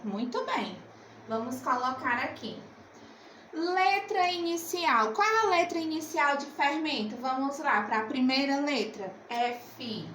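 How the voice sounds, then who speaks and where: Slow, high-voiced woman teacher. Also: animated, a bit bright, reverberant, slight background noise, rough recording. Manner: slow, coaxing, asks and answers her own questions. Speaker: primary school teacher. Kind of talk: remote literacy lesson.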